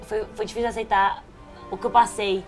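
A woman's voice: mid-range voice, fairly even intonation, brisk. Candid woman, faint music behind. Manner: candid, reflective about motherhood. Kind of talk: casual chat.

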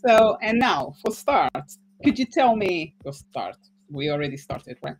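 Slow-paced woman podcast host. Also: fairly low pitch, sing-song, a little hiss or hum, poor audio. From Portugal. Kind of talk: casual interview.

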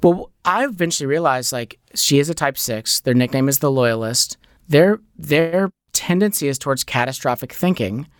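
A middle-aged man, an author, chatting as a guest on a radio show, animated and filling his talk with "like" and "you know.". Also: a little high, normal speed, smooth, no echo, clean studio sound. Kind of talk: conversational radio interview. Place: radio studio.

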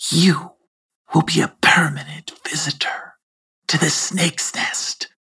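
A woman's voice: sits low, steady tone, slow pace, bright, forceful tone, husky, exaggerated voice. Elfie, a hissing snake queen. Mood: menacing. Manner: hissing, whispered threats.

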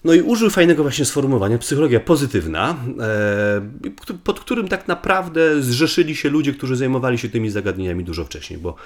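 A man's voice: mid-range voice, big pitch swings, fairly quick. A man from Poland explains things conversationally as a guest researcher, often repeating words and restarting as he thinks aloud.

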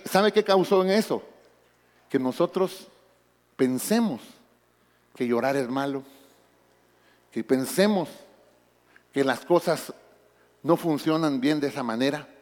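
A man's voice: on the high side, measured pace, long pauses, long reverb tail. A man preaching a sermon as pastor, addressing the congregation directly and often calling out to them. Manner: animated preaching, calls out to congregation. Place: church.

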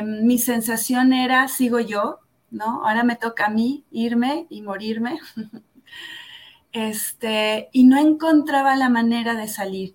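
A woman, a yoga instructor telling her story in an interview, earnest and reflective, often tagging her phrases with "¿no?". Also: a little high. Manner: earnest and reflective, tags phrases with "¿no?", slows down for emphasis. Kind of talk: personal testimony in an interview.

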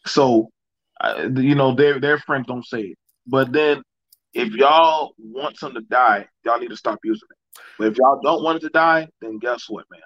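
A man's voice: mid-range voice, normal speed, a bit bright, no echo. A man co-hosting a casual podcast chat, talking bluntly and with energy, and slipping into voices when he quotes people. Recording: dry, dull lo-fi mic.

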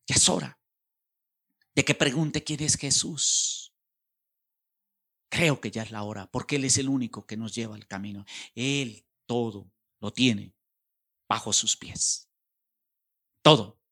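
Man, preacher mid-sermon, impassioned, unhurried delivery with sudden loud bursts and quiet pleas. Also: mid-range voice. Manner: impassioned, swinging from loud exclamations to hushed pleas.

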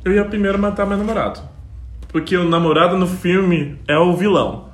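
A young man co-hosting a joking group chat, dramatic and expressive. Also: high voice, brisk. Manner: dramatic, swings into shrieking impressions. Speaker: podcast co-host. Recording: echoey room with faint background hum.

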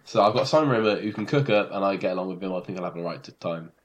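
A man in relaxed conversation, laughing easily and often trailing off mid-sentence. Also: low voice, rapid-fire, muffled recording. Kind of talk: casual chat.

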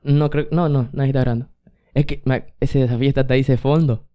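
A man's voice: mid-range voice, fairly even intonation, fast talker, warm tone. Young man telling a rambling story. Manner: rambling, laughs often, acts out quotes. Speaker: podcast co-host. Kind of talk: casual storytelling chat.

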